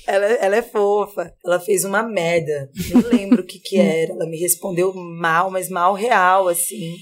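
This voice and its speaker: A woman's voice: on the low side, takes it slowly. A woman, a single mother, telling a story in casual chat and laughing often. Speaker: podcast guest, single mother.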